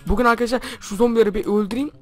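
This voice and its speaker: A man playing Minecraft for his channel, chattering to his viewers in a hushed voice because it is late at night. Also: very high voice, fairly even intonation, rapid-fire. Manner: chatty, constantly addressing viewers. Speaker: gaming YouTuber. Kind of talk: Minecraft let's play with role-play.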